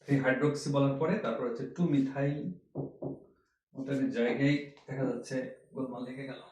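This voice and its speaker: A man's voice: medium pitch, flat delivery, fairly quick, reverberant. A man teaching chemistry who explains each step, repeats key points and asks the class rhetorical questions. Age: older. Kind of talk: classroom lecture.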